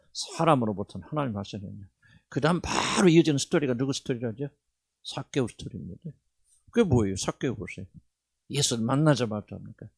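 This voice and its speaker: Korean pastor with a gravelly Jeolla accent. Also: male voice, medium pitch, no room sound. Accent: Jeolla dialect. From Jeolla, South Korea. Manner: animated, swings between loud bursts and hushed asides. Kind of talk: sermon.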